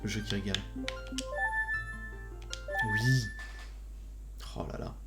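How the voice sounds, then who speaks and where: A man's voice: lowish voice, fairly even intonation, slow pace, over loud music. A man doing casual live gaming commentary as a streamer, with a jokey, mock-grand manner and muttered asides. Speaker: video game streamer.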